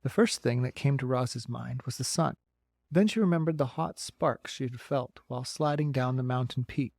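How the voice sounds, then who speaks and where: A man narrating a children's novel as an audiobook in a steady, clear storytelling voice, recorded close to the mic. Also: medium pitch, moderate pace, no room sound. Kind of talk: reading a children's novel aloud.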